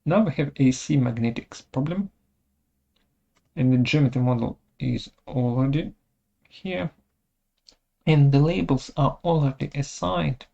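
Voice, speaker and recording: Using short, halting pieces, a webinar presenter whose sex is unclear talks very slowly through a step-by-step software tutorial. The voice is creaky, dark and medium-pitched; the audio is dull and lo-fi, with mouse clicks now and then.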